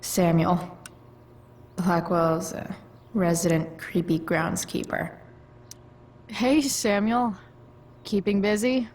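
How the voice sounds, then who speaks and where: An actress playing a sarcastic, defiant, rebellious teenage girl in a video game, with dry, slangy, halting delivery. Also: on the low side, steady tone, a little mellow. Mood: dry, musing. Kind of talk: video game dialogue acting.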